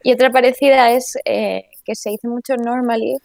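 Woman guest, bit of vocal fry, talks on and on w restarts, dry close sound. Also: on the high side, steady tone, normal speed, darkish tone, dry recording. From Spain. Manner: explains at length with frequent restarts and tag questions. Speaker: interview guest, economist and author. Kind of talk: conversational interview.

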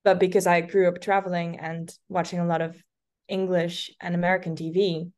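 A Dutch woman in her twenties, whose first language is Dutch, speaks with a light Dutch accent as a guest on a casual podcast. Her voice is fairly low and a little mellow, her delivery flat and a little fast, and her chatty stories are full of restarts and fillers.

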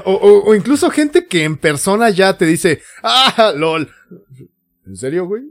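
A man's voice: high voice, sing-song, moderate pace, darkish tone. A young man with a Mexican Spanish accent, slightly drunk, co-hosting a casual podcast chat. He talks freely, laughs often and acts out the texts he quotes. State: tipsy. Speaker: podcast co-host.

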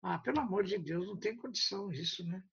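A woman's voice: medium pitch, quick pace, creaky, highs cut off, a crowd in the background. An older woman, a guest in an interview, talking in a chatty storytelling way and often ending with tag questions. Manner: storytelling, tag questions, acts out quoted dialogue. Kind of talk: casual interview talk.

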